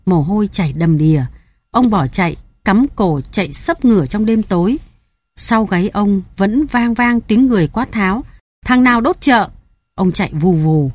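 A woman reading a short story aloud in a steady, measured storytelling voice. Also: on the low side, no echo. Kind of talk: audiobook narration of a short story.

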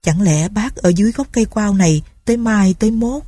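A woman's voice: medium pitch, a little fast, dark tone, husky, no room sound, clean studio sound, close to an everyday voice. A woman voicing a fearful, bitter old peasant man who laments his fate. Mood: lamenting.

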